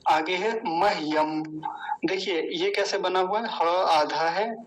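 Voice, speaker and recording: A man teaching the correct pronunciation of a Sanskrit mantra, repeating each word slowly and chanting the full verse. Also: high voice, a little hiss or hum, low-quality recording. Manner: slow, deliberate syllable-by-syllable drilling. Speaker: Vedic recitation teacher.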